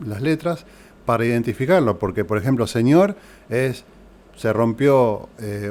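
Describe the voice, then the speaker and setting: A man's voice: mid-range voice, a little mellow. Argentine man teaching a sermon. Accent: Argentine Spanish. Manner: explains step by step, repeats key points, asks the congregation rhetorical questions. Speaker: pastor. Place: church hall.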